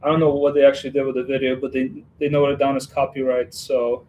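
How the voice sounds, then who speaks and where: Chatty man hosting a relaxed livestream. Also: mid-range voice, quick pace, slight background noise, low-quality recording. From Western Ukraine. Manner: chatty and rambling, talks to viewers while building. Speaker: livestream host building a model set. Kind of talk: casual livestream chat.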